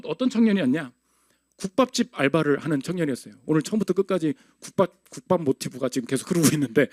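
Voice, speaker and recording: High-pitched, lively preaching man. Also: no room sound, clean studio sound. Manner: emphatic rhetorical questions, answers them himself. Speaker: pastor. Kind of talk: sermon. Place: church sanctuary.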